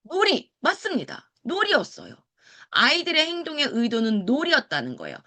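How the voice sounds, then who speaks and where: Bright, animated woman lecturer. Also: medium pitch, normal speed. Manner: acts out quoted teachers and children in lively voices; asks the audience questions and answers them. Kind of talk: lecture to parents.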